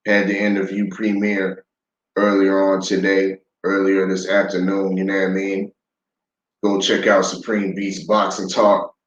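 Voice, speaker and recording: A man co-hosting a casual boxing talk show, speaking in a halting way with frequent restarts. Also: sits low, completely flat delivery, echoey room, muffled recording. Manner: halting, many fillers and restarts. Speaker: podcast co-host.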